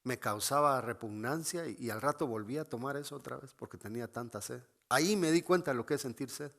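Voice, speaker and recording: A man's voice: mid-range voice, brisk, creaky, fairly bright tone. A man preaching a sermon in an earnest, emphatic way, repeating phrases and restarting words as he explains. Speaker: pastor.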